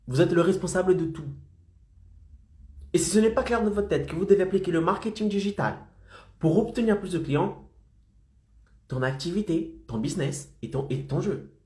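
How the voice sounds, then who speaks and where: Coaching freelancers live with a slight head cold, a man speaks in a somewhat high, darkish voice in a reverberant space. He pushes insistently and keeps asking "d'accord?" and "ok?" to hold attention.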